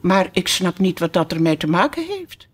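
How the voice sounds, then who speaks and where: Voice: medium pitch, big pitch swings, moderate pace, slightly rough. A storyteller voicing a shy, polite and curious young girl who asks questions hesitantly. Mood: timid.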